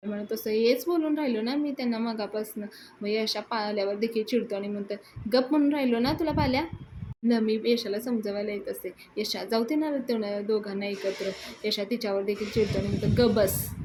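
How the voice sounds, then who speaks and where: A woman retelling a TV serial episode, acting out the characters' lines in quick, changing voices. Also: mid-range voice, steady tone, a little mellow, slight background noise, poor audio. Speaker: serial review host.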